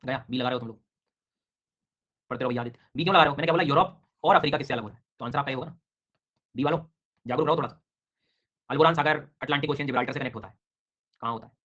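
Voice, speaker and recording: Speaking very quickly in a mid-range, slightly bright voice, a teacher leads an online geography class and questions students by name. His brisk explanations and quizzing come through on a recording that is dull and lo-fi.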